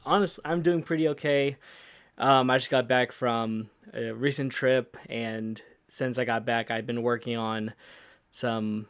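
Man, podcast host, casual chat, informal wording, halting phrasing, mid-range pitch. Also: fairly even intonation, clean tone.

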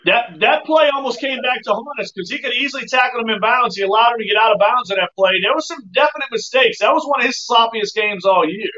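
High, bright man on a robotic phone line. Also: fast talker, hardly any pauses. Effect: robotic, tunnel-like phone-call audio. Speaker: sports podcast co-host. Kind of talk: casual sports talk over a call.

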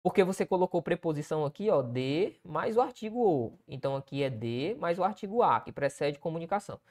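Lively Brazilian teacher checking in often. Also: male voice, fairly high pitch, fairly quick. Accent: Brazilian Portuguese. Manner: keeps checking in with the listener and pointing things out. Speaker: essay-writing teacher. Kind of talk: correcting a student essay aloud.

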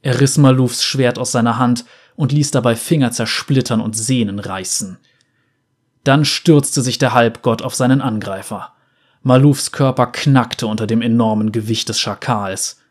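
A man reading a dark fantasy story aloud in a measured, dramatic way. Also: mid-range voice. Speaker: narrator.

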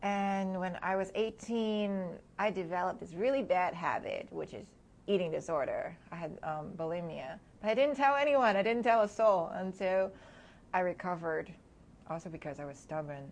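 A woman in her thirties from Hong Kong, a guest speaking candidly and reflectively in an interview, often laughing softly between thoughts. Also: lowish voice, expressive, normal speed.

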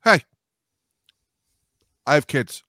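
A man in casual group banter as a podcast co-host, swearing freely and repeating his phrases excitably. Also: very slow, no room sound, clean studio sound.

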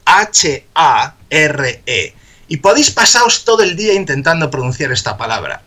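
A man's voice: fairly high pitch, very animated, moderate pace, bright, forceful tone. A man hosting a live radio show, joking playfully as he teaches English words.

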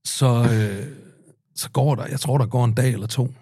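A man's voice: medium pitch, fairly even intonation, mellow, no room sound, clean studio sound. A man in his forties, a podcast guest, telling a rambling anecdote casually, swearing often and full of fillers. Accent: Danish. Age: 40s. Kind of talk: casual storytelling.

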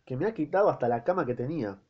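An Argentine man voicing a fierce, sharp-tongued wife, scolding and accusing, in a slightly muffled recording. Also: a little high, lively intonation, rapid-fire.

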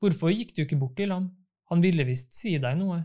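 A man reading the part of an old prince, a father who is mocking yet courteous, in a dry, gently ironic manner. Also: high voice, animated.

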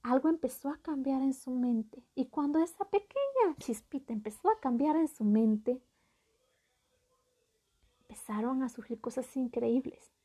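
A woman's voice: high voice, lively intonation, a little slow, warm tone, husky. A woman hosting a motivational podcast, talking straight to the listener as a friend and repeating phrases for emphasis. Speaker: podcast host.

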